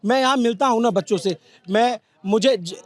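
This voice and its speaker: Man, journalist, very high voice, earnest, explanatory tone, outdoor street interview. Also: moderate pace. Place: outdoor protest site.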